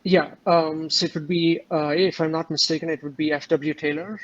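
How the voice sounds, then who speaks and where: A young man from Switzerland answering interview questions over a video call. His voice sits a little high and comes through dull and lo-fi. He speaks in polished, rehearsed sentences but stumbles when quizzed. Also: flat delivery, normal speed. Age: young adult. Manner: polished, rehearsed self-introduction, hesitant on questions. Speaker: admission candidate. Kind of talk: online group interview. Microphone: computer microphone on a video call.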